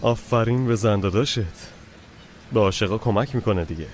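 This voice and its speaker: A man's voice: on the low side, slight background noise, close to an everyday voice. An actor playing a lovesick young man who pleads and coaxes his girlfriend in a TV drama. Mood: coaxing. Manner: pleading, coaxing. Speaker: young lover. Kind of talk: TV drama dubbed dialogue.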